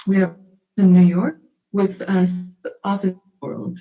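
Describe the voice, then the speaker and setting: A woman joining a public meeting remotely over a video call, giving formal, measured testimony as an invited expert while her audio comes through corrupted and glitchy, with words dropping out. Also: lowish voice, vocal fry. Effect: corrupted, glitchy audio with dropouts. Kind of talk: formal prepared remarks. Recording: dull lo-fi video call line.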